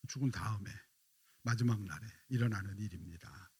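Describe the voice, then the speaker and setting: A male pastor giving a dawn prayer sermon. He puts questions to the congregation and answers them himself, and he goes quiet and slow when he quotes Jesus. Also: lowish voice, husky. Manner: drops to quiet, drawn-out lines when quoting Jesus.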